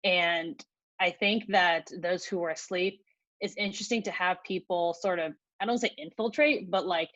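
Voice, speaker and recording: A woman's voice: on the low side, normal speed, fairly bright tone, no echo. A woman speaking thoughtfully in a video-call discussion, searching for her words. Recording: dry, slightly dull video-call audio.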